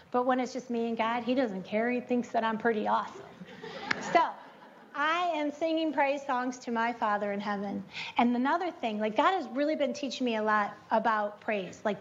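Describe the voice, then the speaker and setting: A woman giving a chatty, animated devotional teaching, breaking into spoken prayers to God. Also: a little hiss or hum. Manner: chatty and animated, prays aloud with rising pitch. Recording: dull lo-fi recording.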